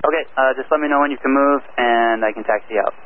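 A man's voice: medium pitch, quick pace. A man working as a ground controller, giving taxi instructions over an aircraft radio with static. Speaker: ground air traffic controller. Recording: narrow radio band with faint static.

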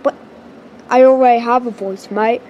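A woman's voice: on the high side, steady tone, normal speed, lo-fi sound, slight background noise, natural voice. Cheeky young boy, put-on Australian accent, laid-back teasing delivery, as a girl voices him; toy-movie role-play. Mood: casual. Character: cheeky male baby aged to ten, Australian.

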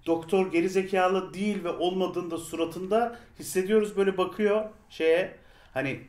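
A man's voice: sits high, moderate pace, a little mellow. A man co-hosting a casual review chat, ranting in an exasperated way. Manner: exasperated ranting, addresses the writer directly. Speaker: podcast co-host. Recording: roomy echo.

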